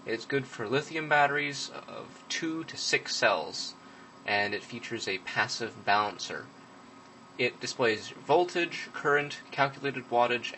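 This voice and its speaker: A man's voice: mid-range voice, sharp tone, slight background noise, poor audio. A young man giving a casual hands-on review of a gadget at a workbench, matter-of-fact, with frequent ums and uhs. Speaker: product reviewer.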